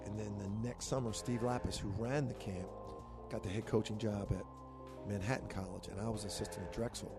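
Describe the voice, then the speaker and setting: A man, a head basketball coach telling stories in an interview. He speaks with animation and gets louder on his punchlines. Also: lowish voice, a little fast. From Philadelphia, USA. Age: 50s. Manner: animated storyteller, rising loud on punchlines. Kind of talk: storytelling in an interview. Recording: music playing under the voice.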